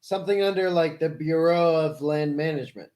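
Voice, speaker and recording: Man, livestream host, higher-pitched voice, political debate, explanatory, rephrasing and correcting. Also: a little fast, a little mellow. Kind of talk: live political debate with a caller.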